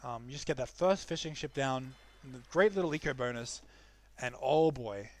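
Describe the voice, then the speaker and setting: A man's voice: medium pitch, animated, normal speed. A young man casting a strategy game live, chatty and loose, often restarting his sentences. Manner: chatty, frequent restarts and fillers. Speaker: esports caster.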